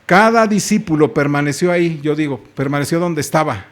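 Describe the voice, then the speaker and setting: A man's voice: fairly high pitch, fairly quick. A man with a Mexican accent preaching a sermon in a church, telling the story dramatically and putting questions to the congregation. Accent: Mexican Spanish. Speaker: pastor.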